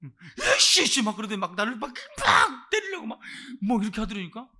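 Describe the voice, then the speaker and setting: Male pastor, Sunday sermon, bright ringing voice, wildly swooping pitch, loud bursts and near-whispers. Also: quick pace. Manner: animated, swings between loud exclamations and near-murmurs; acts out voices of those he quotes. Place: church service.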